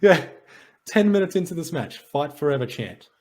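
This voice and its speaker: A man's voice: fairly high pitch, big pitch swings, normal speed, a little mellow. A man, co-hosting a casual podcast, running through stats and match notes with a dry, jokey delivery. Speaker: podcast co-host. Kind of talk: casual sports and wrestling chat.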